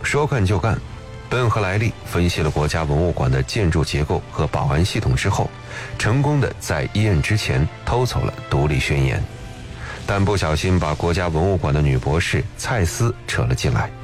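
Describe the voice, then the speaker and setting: A man's voice: low-pitched, expressive, normal speed. A man reading scripted narration as the narrator of a film programme. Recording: music behind the voice. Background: background music.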